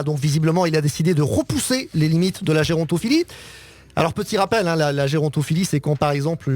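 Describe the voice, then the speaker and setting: A man with a high, very animated voice delivers a jokey radio column. His delivery is playful and teasing, with a casual, chatty rhythm. The studio sound is close and dry. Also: no room sound. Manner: playful, jokey, peppers talk with "hein". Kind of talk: comic news chronicle on radio.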